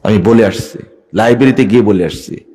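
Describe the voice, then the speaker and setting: A man preaching a sermon, scolding with rhetorical questions and sudden rises in pitch and volume for emphasis. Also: brisk, warm tone. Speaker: Islamic preacher.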